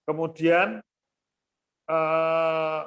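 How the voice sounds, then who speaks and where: A man's voice: a little high, steady tone, extremely slow, a bit bright. A man, a choir coach, chatting loosely through a lesson on intonation and singing short note examples.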